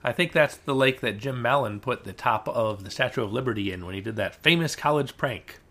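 A male podcast co-host talking in loose, easygoing chat. He wanders off onto tangents and tells his stories with wry, understated humor, his voice sitting at an ordinary middle pitch. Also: brisk, fairly bright tone. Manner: rambling, digressive, wry. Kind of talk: casual chat recapping a dating show.

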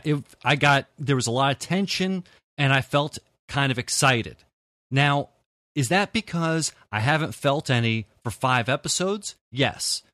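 A man's voice: medium pitch, sharp tone, dry recording, clean studio sound. A man co-hosting a podcast in casual chat, stammering through restarts. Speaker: podcast co-host.

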